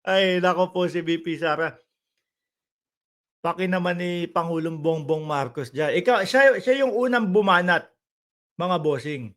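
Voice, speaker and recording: High-voiced man in emphatic political commentary. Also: a little slow. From Philippines. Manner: talks straight to viewers with polite particles and rhetorical tag questions; rambling and emphatic, with restarts and sudden loud bursts.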